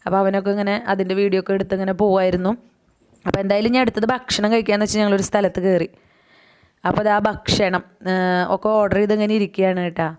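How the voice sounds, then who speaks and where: A woman's voice: medium pitch, level tone, fast talker, a little mellow, clean tone. A woman, chatting through a casual voice-over of a family outing with frequent asides to the viewer. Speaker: vlogger.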